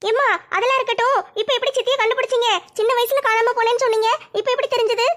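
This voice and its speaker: A very high, bright-toned young college girl, as a woman acts her out, talking fast and eagerly. She asks question after question in a homemade comedy skit, with quick chatty delivery. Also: fairly even intonation. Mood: curious. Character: young female college student, sweet and eager daughter.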